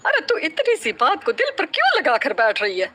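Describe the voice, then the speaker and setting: Brief: woman doing a kind mother-in-law in a cartoon, motherly and soothing, high lively bright voice. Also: moderate pace, heavily acted. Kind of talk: cartoon voice acting.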